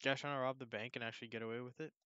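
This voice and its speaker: A man in casual gaming voice chat, heard on livestream headset audio. He talks loosely and swears now and then, in a voice of middle pitch. The sound is close and dry. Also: steady tone, very fast, sharp tone, clear, resonant tone, no room sound, muffled recording. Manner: loose and profane. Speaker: police roleplay player.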